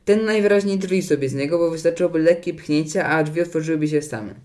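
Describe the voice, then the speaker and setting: Man reading a children's story, slightly high. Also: steady tone, quick pace, a little mellow. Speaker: narrator.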